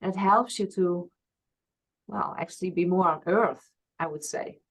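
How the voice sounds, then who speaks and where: A woman from Friesland in the Netherlands speaks at a normal speed in a lowish voice with a Dutch accent. She's a past life regression therapist appearing as a guest in a reflective, conversational interview, talking earnestly and openly and laughing at herself.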